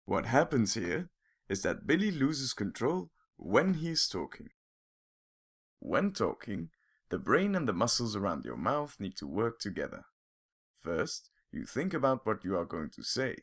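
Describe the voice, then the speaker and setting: A man narrates an animated explainer in a calm, clear, step-by-step way. His voice sits low and has a gravelly edge. His pitch moves in a lively way as he explains. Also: measured pace.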